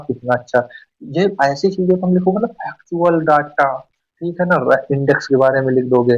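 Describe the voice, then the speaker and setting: A man teaching an exam-prep lesson in a fast, chatty way, often asking and answering his own questions. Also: a little high. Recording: dull, slightly distant mic.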